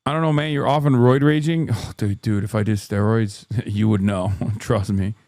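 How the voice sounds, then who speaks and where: A man's voice: fairly low pitch, steady tone, normal speed, a little mellow, dry recording. A man in his thirties hosting a stream, giving rambling, emphatic, profane reaction commentary into a close mic. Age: 30s. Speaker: streamer host.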